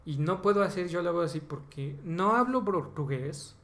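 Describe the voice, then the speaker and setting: A man's voice: high voice, animated, normal speed, a bit bright. A man with a Mexican accent co-hosting a podcast, talking casually in an opinionated, emphatic, slangy way. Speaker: podcast co-host. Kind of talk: casual chat about voice dubbing.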